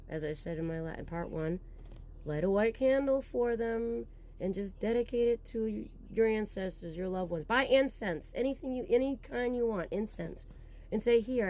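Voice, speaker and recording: A woman's voice: fairly low pitch, darkish tone, a little hiss or hum. A woman speaking as a fortune teller, giving a casual spiritual card reading with reassuring guidance and frequent check-ins to the listener.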